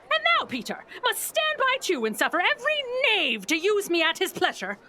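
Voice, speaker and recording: A woman's voice: very high-pitched, wildly swooping pitch, moderate pace, sharp tone, exaggerated voice. A woman acting a talkative, easily offended, bawdy servant in classical Shakespearean stage style, blustering and full of exclamations. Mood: indignant.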